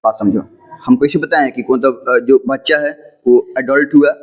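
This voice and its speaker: A man teaching a school biology lesson in a casual lecture style, asking rhetorical questions and repeating points, with English textbook lines read slowly. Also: mid-range voice, fairly even intonation, low-quality recording. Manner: explains with rhetorical questions and repetitions. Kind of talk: informal classroom lecture.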